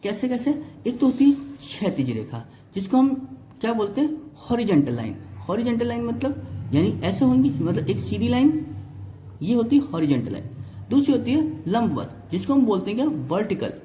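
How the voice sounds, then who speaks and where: A man's voice: extremely high pitch, sing-song, moderate pace, dark tone, roomy sound, slight background noise. A male reasoning teacher giving an exam-prep lesson, explaining step by step, counting items aloud and often checking whether students follow.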